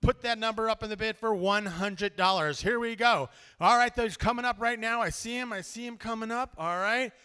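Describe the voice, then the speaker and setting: A man working as auctioneer and emcee at a charity gala, energetically calling out bid levels and paddle numbers, sometimes in a rapid auctioneer chant. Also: high-pitched, pushed and bright, smooth. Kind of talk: live fundraising auction calling. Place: large event hall with a live audience. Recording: long reverb of a large event hall.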